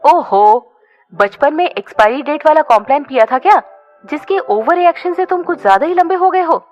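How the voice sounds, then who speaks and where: A woman's voice: high-pitched, expressive, normal speed, darkish tone, soft background music, pitched above the performer's own voice. A woman voicing a bubbly, talkative young woman who scolds and fusses. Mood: scolding. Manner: chatty, scolding. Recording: dull lo-fi recording.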